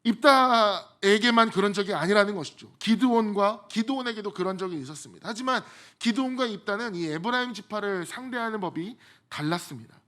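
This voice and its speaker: A man's voice: high-pitched, expressive, fairly quick, pushed and bright. A male pastor delivering a sermon in a conversational way, mixing in humorous personal asides.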